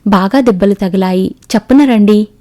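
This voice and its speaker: A woman reading a servant's urgent lines in an audiobook, a bit louder than her narration. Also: mid-range voice, normal speed, lightly acted. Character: loyal male servant bringing urgent news.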